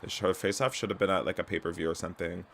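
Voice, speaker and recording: Gravelly, low-voiced man streaming a game. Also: fairly even intonation, rapid-fire, a little hiss or hum. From Canada. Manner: chatty, gossipy, loud yelps during play. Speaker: gaming streamer. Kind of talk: casual commentary while playing.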